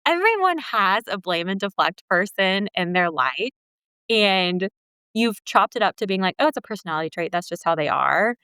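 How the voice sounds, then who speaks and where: A woman in her twenties, a podcast co-host and couples counselor, talking in a casual, animated way with lots of "like.". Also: medium pitch, clean tone, no room sound. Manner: animated, fills speech with "like".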